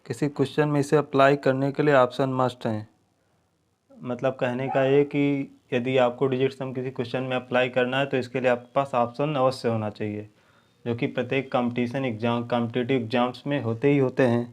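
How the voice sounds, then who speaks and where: Male maths teacher, patient step-by-step explainer, mid-range pitch. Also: flat delivery, a little fast. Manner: explains step by step, often checks with "ठीक है". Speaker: math teacher. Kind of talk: video lesson at a board.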